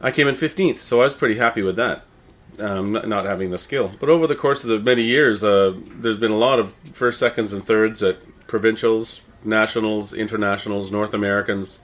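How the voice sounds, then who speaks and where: A middle-aged man with a Canadian accent answers interview questions conversationally, in a halting, rambling way with repeated words. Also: lowish voice, fairly bright tone. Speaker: interviewee, town crier and visitor services manager.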